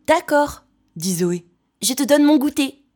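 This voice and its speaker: A woman voicing a kind little girl in a storybook reading, with a bright, childlike delivery. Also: sits high, animated, measured pace. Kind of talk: storybook narration.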